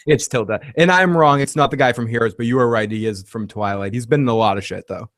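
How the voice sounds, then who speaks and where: A man co-hosting a casual recap show, relaxed and joking, with chatty asides. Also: mid-range voice, quick pace.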